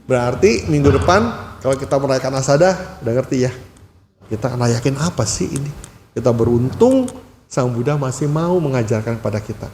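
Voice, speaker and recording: A man's voice: mid-range voice, lively intonation, a little fast, a little mellow, slight background noise. A man giving a casual sermon as a Buddhist lay preacher, telling chatty stories and acting out the dialogue in livelier voices. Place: temple hall. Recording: echoey hall reverb.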